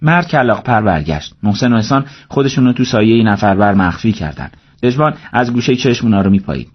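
A man with a husky, rather low voice reads a story aloud for an audiobook. He keeps a steady, measured pace, and the recording is lo-fi and dull.

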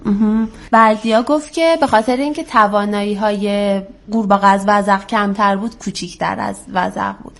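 A woman's voice: medium pitch, fairly even intonation, hardly any pauses. A woman teacher telling a children's story aloud, then patiently asking the children questions about it.

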